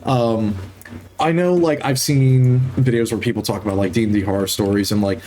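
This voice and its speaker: A man's voice: mid-range voice, brisk, mellow, slight background noise. A young man, a streamer and game master, chatting casually in a rambling, filler-heavy way and laughing easily. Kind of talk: casual chat.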